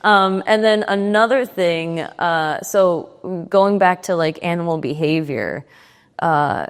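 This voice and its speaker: Gravelly New Jersey woman hosting. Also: on the low side, big-room sound. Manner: chatty, quick reactions, laughs often. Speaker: podcast host. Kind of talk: casual interview.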